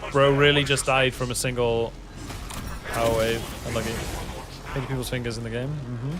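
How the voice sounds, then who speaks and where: Chatting loosely with his viewers as he plays, this West Wales game streamer in his thirties has a mid-range voice with a steady tone and normal speed. He swears casually, laughs a lot and rambles in a Welsh accent, while music plays over a noisy background.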